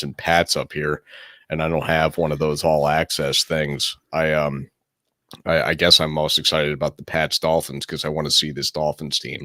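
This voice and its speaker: Very deep-voiced rambling male co-host. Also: bright, forceful tone, no echo, studio quality. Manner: rambling, profane, self-correcting. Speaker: podcast co-host. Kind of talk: casual sports chat.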